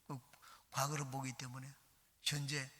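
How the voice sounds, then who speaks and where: A man's voice: mid-range voice, monotone, measured pace, sharp tone. A middle-aged male pastor giving an earnest dawn sermon, reading scripture aloud. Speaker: senior pastor. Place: church sanctuary. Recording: church hall reverb.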